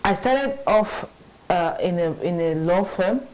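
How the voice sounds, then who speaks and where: A middle-aged native English speaker, a marketing manager, reflects on her career story in a conversational interview. Her voice is fairly low, expressive, unhurried and a little mellow, and she restarts often, says "you know" a lot and laughs easily. The recording is rough, with slight background noise.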